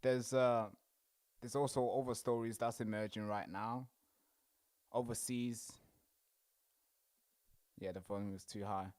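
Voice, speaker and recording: A man's voice: mid-range voice, steady tone, a little slow, long pauses, a little mellow. A young man from Tanzania hosting his own show, talking casually and straight to his viewers, often repeating phrases. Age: young adult. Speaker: show host. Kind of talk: casual livestream commentary. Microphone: wearing headphones.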